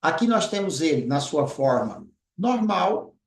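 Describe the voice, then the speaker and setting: A man teaching a recorded lesson, patiently repeating words slowly as he writes. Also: fairly high pitch, very animated, roomy sound. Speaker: Biblical Hebrew teacher.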